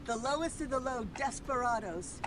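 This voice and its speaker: A woman's voice: sits high, expressive, moderate pace. A woman on a city street ranting accusingly and repeating herself, caught on a phone camera. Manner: accusatory, repetitive. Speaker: passerby in a street confrontation. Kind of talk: angry ranting monologue. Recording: noisy street phone recording.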